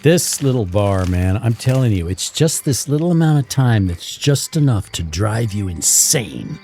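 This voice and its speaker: Lively low-voiced man rambling on stream. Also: a little slow, faint music behind. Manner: rambling, chuckling storyteller. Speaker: streamer role-playing in a western game. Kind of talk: casual in-character chat while streaming.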